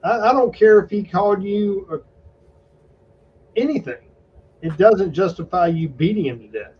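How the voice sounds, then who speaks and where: Host, male, higher-pitched, blunt and profane in casual talk; dull lo-fi sound with faint background hiss. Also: moderate pace. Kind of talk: casual opinionated chat. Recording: dull lo-fi recording.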